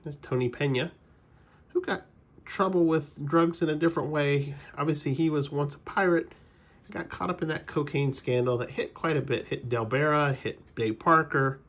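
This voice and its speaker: A man with a slightly high voice talks his viewers through a pack opening. He drifts into player trivia and stops to correct himself. The tone stays relaxed and conversational throughout. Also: normal speed, long pauses. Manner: chatty, rambling trivia asides with self-corrections. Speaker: card-collecting channel host. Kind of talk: casual pack-opening commentary.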